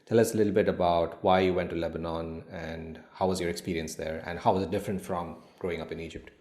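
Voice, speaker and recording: A man's voice: low voice, fairly even intonation, fast talker. A man hosting a podcast, asking interview questions attentively and murmuring along while his guest talks. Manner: attentive, frequent quiet backchannel murmurs. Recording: roomy echo.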